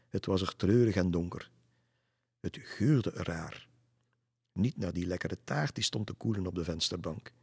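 A man calmly reading a children's story aloud. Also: sits low, husky, dry recording, clean studio sound.

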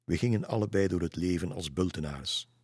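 A man's voice: sits low, a little fast, a little mellow, breathy edge, no room sound, studio quality, in a large hall. A man voicing a sorrowful, suspicious hunchbacked man in a storybook. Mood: lamenting. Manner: lamenting, suspicious.

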